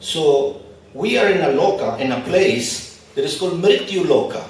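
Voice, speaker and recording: A spiritual teacher with English as a second language addresses a live expo audience in a casual, gently humorous lecture. He has a fairly high voice with lively intonation at a normal speed. The venue is large and very echoey, and he's far from the microphone.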